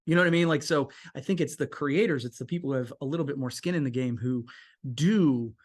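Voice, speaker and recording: A man's voice: mid-range voice, quick pace. A man from the United States co-hosting a casual business podcast, talking in an easy, agreeable way. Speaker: podcast co-host.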